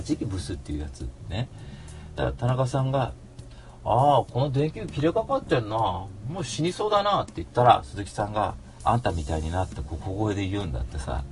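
Guy doing a solo net radio show, mid pitch, jumps all over in tone, chatty rambling stories. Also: darkish tone, slight background noise. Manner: rambling anecdotal storytelling, acts out quoted voices. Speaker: internet radio host. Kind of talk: casual solo radio monologue.

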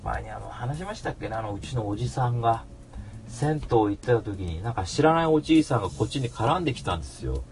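A man's voice: medium pitch, a little mellow, slight background noise. A man hosting an internet radio show alone, telling rambling anecdotes and acting out the people he quotes. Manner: rambling anecdotal storytelling, acts out quoted voices. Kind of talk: casual solo radio monologue.

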